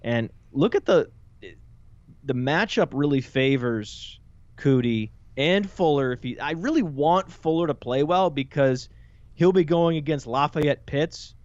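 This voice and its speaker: A man talking as a guest analyst in a casual podcast chat, playful and quick with joking asides. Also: a little high, lively intonation, a little mellow, dry recording, highs cut off. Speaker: guest fantasy football analyst.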